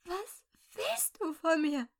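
A woman's voice: very high-pitched, animated, slow pace, voice pushed up, exaggerated voice. A woman voicing a terrified young woman who stammers and whimpers near tears.

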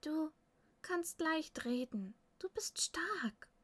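A woman's voice: high-pitched, lively intonation, very slow, fairly bright tone, pitched above the performer's own voice, full character voice. A woman voicing a defiant teenage Viking girl in a storybook reading, frustrated and full of self-doubt. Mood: bitter.

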